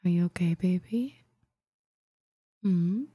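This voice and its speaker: A woman whispering softly into a close mic in a soothing roleplay, with long murmured hums and hushing. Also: lowish voice, takes it slowly, breathy edge, no echo. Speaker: ASMR roleplay performer.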